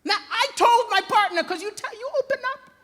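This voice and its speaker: A man doing a stand-up comedy set, animated, slipping into voices for the people in his stories. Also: very high-pitched, a little fast. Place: comedy venue stage. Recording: reverberant hall.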